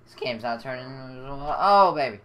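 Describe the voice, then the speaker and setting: A young man chatting casually as a gaming teammate, excitable and often repeating himself. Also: mid-range voice, measured pace. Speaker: gamer teammate on voice chat.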